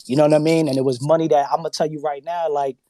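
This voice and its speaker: A man's voice: a little high, flat delivery, quick pace, mellow, no room sound. A man on a podcast telling stories in a casual, profane way, acting out quoted dialogue and laughing often. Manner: profane, emphatic. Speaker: guest on a podcast.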